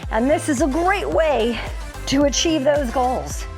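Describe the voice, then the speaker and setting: A middle-aged woman with a high voice coaches a workout at an unhurried pace. She is encouraging and energetic, giving short cues as she exercises, with music clearly playing behind her. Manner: energetic, exercising while talking. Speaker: fitness instructor, host. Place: inside a motorhome living area.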